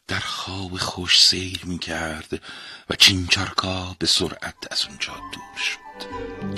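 A man narrating a fairy tale in an expressive, dramatic storybook style. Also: low voice, husky, dry recording, clean studio sound.

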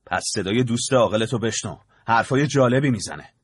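A man voicing an irritated, tired young tenant in an audiobook, speaking fast and loudly in a raised voice. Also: mid-range voice, husky, no echo, clean studio sound, voice pushed up, lightly acted. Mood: mocking. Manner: exasperated, quick, raised voice. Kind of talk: audiobook character voice.

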